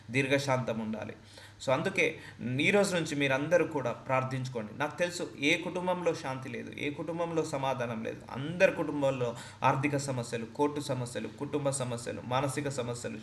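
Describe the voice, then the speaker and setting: A man's voice: medium pitch, fairly bright tone, reverberant, slight background noise. A man preaching a sermon as a pastor, earnest and repetitive for emphasis.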